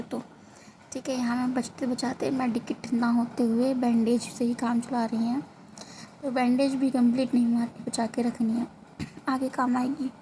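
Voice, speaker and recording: A woman's voice: on the high side, mellow, slight background noise, poor audio. A woman giving casual, self-mocking voice-over commentary on her own gameplay, recorded on a phone. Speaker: gaming creator.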